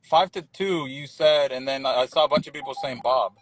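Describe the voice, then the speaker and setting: A man's voice: mid-range voice, a little fast, a little hiss or hum, low-quality recording. A man co-hosting a livestream, chatting casually and joking around, at times mimicking an auctioneer. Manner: jokey, hams it up like an auctioneer. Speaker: livestream co-host.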